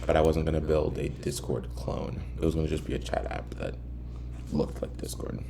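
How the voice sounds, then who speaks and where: A man with a deep, gravelly voice talks to himself as he works on code. He sounds far from the mic in an echoey apartment room, with noise and typing around him. His delivery is casual and halting, often wandering into side remarks. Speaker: programmer recording himself working. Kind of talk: casual think-aloud coding vlog.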